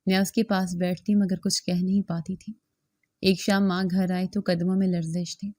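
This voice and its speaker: A woman's voice: on the low side, flat delivery, warm tone, no room sound, clean studio sound. A woman reading a scripted first-person story with dramatic, emotional delivery.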